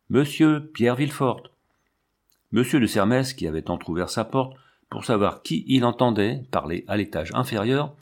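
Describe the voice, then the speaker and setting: A man reading a classic novel aloud as narrator, in a measured, even manner. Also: mid-range voice, gravelly. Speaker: audiobook narrator. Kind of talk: scripted narration.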